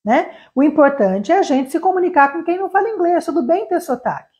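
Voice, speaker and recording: A woman's voice: very high voice, lively intonation, fairly quick, a little mellow. A Brazilian woman, an English teacher, giving a live online lesson, explaining animatedly with examples and rhetorical questions. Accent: Brazilian Portuguese.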